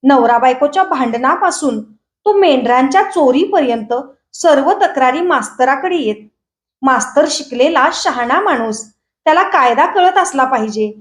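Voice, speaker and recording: A woman reads a novel aloud in a fairly high voice, telling the story at a steady, measured pace. Her voice rings around an echoey room. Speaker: audiobook reader.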